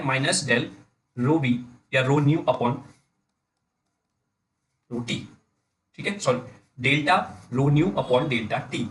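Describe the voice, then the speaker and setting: An Indian-accented male lecturer explains a technical derivation at a slow, deliberate pace. His voice sits at an ordinary middle pitch, and he spells out phrases word by word while repeatedly checking that students follow. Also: fairly bright tone, rough recording. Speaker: engineering lecturer. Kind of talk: blackboard-style lecture in mixed Hindi and English.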